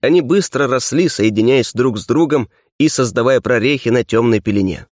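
A man narrating a fantasy audiobook in first person, measured, with dramatic pauses between words. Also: medium pitch, a little mellow, dry recording, studio quality.

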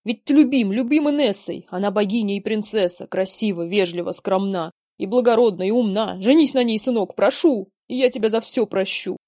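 Old frail father, acted by a woman, mellow tone, dry close sound, domineering, pleading, declaimed verse drama. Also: medium pitch, fairly even intonation, normal speed, no room sound, close to an everyday voice. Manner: theatrical declamation of rhymed verse. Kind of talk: dramatic verse play reading.

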